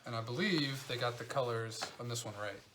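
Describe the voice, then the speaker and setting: A game designer talking casually and with enthusiasm while showing game components. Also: male voice, mid-range voice, fairly quick, a bit bright, a little hiss or hum. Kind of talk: casual unboxing chat.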